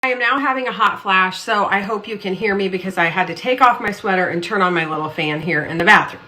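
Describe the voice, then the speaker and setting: Bright-voiced woman lisping around whitening strips. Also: mid-range voice, quick pace, slight background noise, poor audio. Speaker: lifestyle vlogger. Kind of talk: casual vlog chat.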